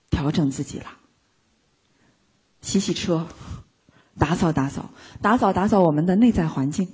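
A woman giving a lively, playful motivational talk to a live audience, acting out little everyday scenes. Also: on the low side, breathy edge. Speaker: speaker teaching a live audience.

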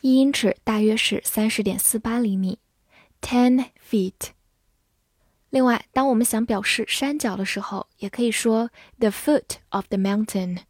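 Lady teaching english words, spells them out letter by letter, repeats phrases real slow, dry sound. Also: a little high, no room sound. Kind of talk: vocabulary lesson with slow read-alouds.

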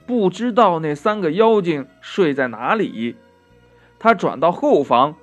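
A man narrating a children's story in a lively storytelling manner, drawing out the ends of his phrases. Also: a little high. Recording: faint music behind.

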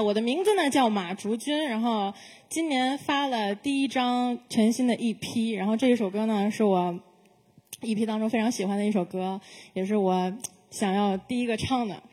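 A woman singer chatting casually from the stage of a live music venue between songs, relaxed and quick to laugh. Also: mid-range voice. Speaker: singer performing a live show.

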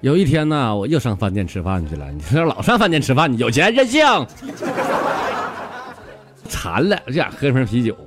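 A man's voice: mid-range voice, very animated, fast, few pauses. A man with a Northeastern Chinese accent telling comic stories in a brash style full of swearing punchlines. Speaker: comedian. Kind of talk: stand-up comedy monologue. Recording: music behind the voice.

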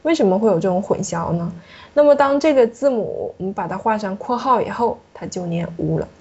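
A woman teacher explaining a pronunciation lesson, repeating points and ending phrases with soft particles. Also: mid-range voice, lively intonation, a little fast, slightly rough. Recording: muffled lo-fi recording.

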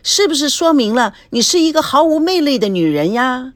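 A smug young man who needles and mocks his ex-wife in a storybook, as a woman reads him out. The voice is lively and swings up and down. The sound is dry and close. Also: high voice, fairly quick, dry recording, voice pushed up. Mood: mocking. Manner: teasing, mocking.

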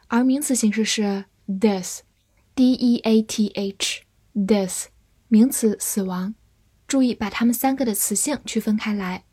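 A woman teaching English vocabulary in Chinese, a native Chinese speaker who spells each word letter by letter and repeats it slowly. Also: a little high, warm tone, breathy edge, no echo. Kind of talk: slow, deliberate vocabulary lesson.

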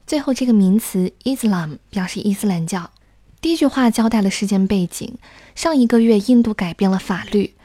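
Young woman tutor, mellow and dry-sounding, steady explanatory delivery with careful read-alouds. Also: medium pitch, no room sound. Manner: careful, reads English passages aloud slowly. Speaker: English reading tutor. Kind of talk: explanatory close-reading lesson.

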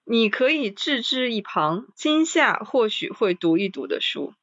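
A woman in a casual podcast chat about books, reading list items slowly and then commenting with sighing interjections. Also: on the high side, very animated, a bit bright, no room sound, highs cut off.

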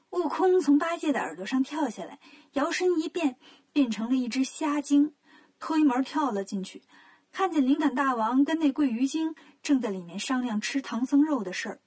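A woman telling a children's story as the show's storyteller, in a gentle, clear storytelling manner. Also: sits high, animated, moderate pace.

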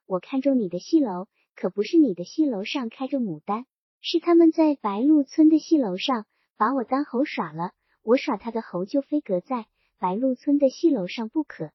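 A woman's voice: a little high, animated, moderate pace, slightly rough, dry recording. A woman reading the part of a scheming male township chief who needles and threatens, in a dull lo-fi recording. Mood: sly, menacing.

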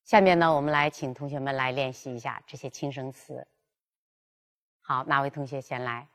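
A woman teaching a pronunciation class, explaining and demonstrating tones in a clear, measured way. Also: extremely low pitch, steady tone, fairly bright tone. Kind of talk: classroom lesson.

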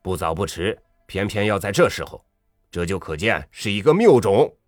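A man voicing a stern, disapproving old male scholar who scolds loudly in a storybook reading. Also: on the low side, sing-song, moderate pace, no echo, clean studio sound, faint music behind, voice pushed up.

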